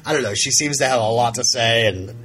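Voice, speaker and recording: A man's voice: medium pitch, fairly quick, fairly bright tone. A man co-hosting a podcast in a casual chat, rambling with many restarts and fillers. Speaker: podcast co-host.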